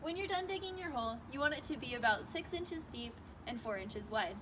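A young woman with a fairly high voice talks through an outdoor how-to lesson in an upbeat, playfully deadpan way. She's outside in a backyard, picked up by a camera mic. A faint outdoor hush sits behind her. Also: brisk, noisy background. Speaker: outdoor skills instructor. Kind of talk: scripted instructional video.

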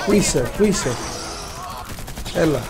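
A young man chatting casually with teammates while gaming, excitable and slangy, calling out to the others. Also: fairly high pitch, creaky. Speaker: gamer playing with friends. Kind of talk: casual gaming chat over voice.

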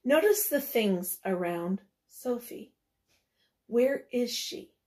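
A woman teacher with a fairly high voice reads a picture book to young children at a slow, patient pace. She stops to ask the children questions and sometimes drops to a soft whisper. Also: animated. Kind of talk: children's read-aloud lesson.

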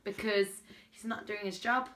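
Bright-voiced woman, playful. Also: mid-range voice, steady tone. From South Africa. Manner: playful, slowly sounding out band names, quick to laugh. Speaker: guest reading a festival lineup. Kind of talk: casual chat.

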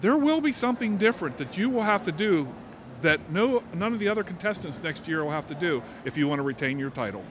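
A middle-aged man speaking informally at an event interview, halting and repeating words as he goes. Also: high-pitched, expressive. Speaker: state legislator and fundraiser organiser. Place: large indoor horse show arena. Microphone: handheld interview microphone. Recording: clear ambient noise of busy arena.

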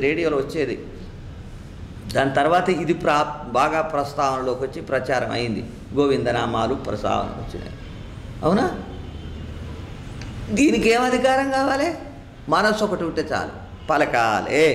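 A man's voice: a little high, a bit bright. A man delivers a spiritual discourse in a slightly raised voice, firing off rhetorical questions and chanting Sanskrit phrases. The recording is echoey, with a faint room hum behind him. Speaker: Vedanta teacher. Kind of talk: religious discourse.

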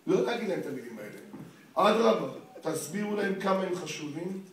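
A man with a high voice lectures parents, and he keeps firing rhetorical questions at them. He sounds far from the mic, and the sound rings around a very echoey hall. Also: slight background noise. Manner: lively, fires rhetorical questions at the audience.

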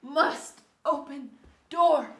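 A woman's voice: high-pitched, extremely slow, gravelly, full character voice. Woman acting as a gasping, dying wounded young heroine. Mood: mock dying. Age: young adult. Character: melodramatic young female roommate feigning a dying soldier's gasps. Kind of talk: comic web series acting. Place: carpeted room in a home, indoors. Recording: echoey room.

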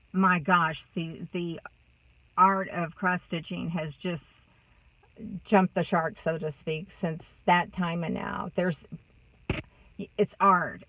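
Sitting in a car, a sixty-year-old vlogger with a Texas accent rambles casually to a close-up phone camera, using many fillers. Her fairly low voice comes through a dry, thin, phone-like recording, as if far from the mic.

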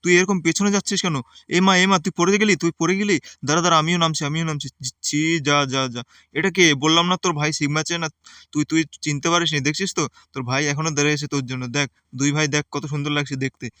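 A man's voice: a little high, fairly even intonation, racing, bright, forceful tone, clean tone, no room sound, clean studio sound. A man voicing a bossy but caring uncle who reassures and lectures his nephew. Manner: reassuring, lecturing, repeats "ঠিক আছে". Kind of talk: game play voice acting.

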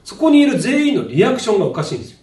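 A man telling a spoken ghost story in an animated way, acting out sound effects and shouts as he goes. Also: very high voice, rapid-fire. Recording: roomy, distant mic, music behind.

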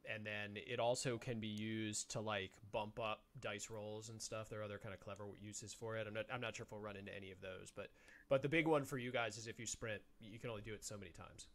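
A man's voice: lowish voice, steady tone, fast. A man acting as game master of a remote tabletop game, patiently explaining rules with frequent fillers. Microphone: remote online call.

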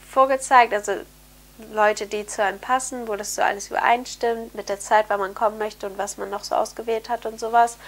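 Sitting in a bright bedroom, a young au pair vlogs to camera in a chatty, upbeat way full of fillers. A cold leaves her medium-pitched, slightly bright voice nasal and a bit hoarse, and she clears her throat. She's recorded on a camera mic at close framing.

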